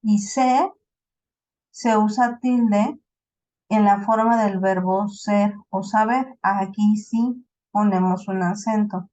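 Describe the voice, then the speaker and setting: A woman with a Mexican accent teaching a class, explaining slowly and checking in with her students often. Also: medium pitch, fairly even intonation, mellow. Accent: Mexican Spanish. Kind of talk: online class lecture. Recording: dull lo-fi voice recording.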